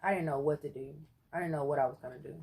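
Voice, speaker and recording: A woman with a fairly low voice talks casually while she eats on camera. Her tone is earnest and emphatic, and she now and then breaks into loud exclamations. She is on a close mic meant to pick up eating sounds. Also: racing, background noise. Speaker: mukbang co-host.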